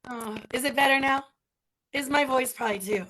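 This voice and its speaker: A woman's voice: high voice, a little fast, crowd noise. A woman hosting a casual livestream, blunt and outspoken, who swears freely while her mic crackles and distorts. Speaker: host. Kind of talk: casual opinionated livestream talk. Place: home.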